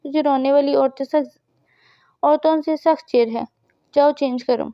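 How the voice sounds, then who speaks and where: A woman's voice: high-pitched, steady tone, no room sound, lo-fi sound. A woman reading the part of a stern, cold male boss who speaks in curt commands.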